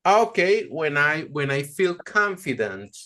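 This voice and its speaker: Encouraging male teacher with lively intonation. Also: fairly high pitch, a little slow. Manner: patient, encouraging, corrects pronunciation. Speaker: English teacher. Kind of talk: online English class. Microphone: video call.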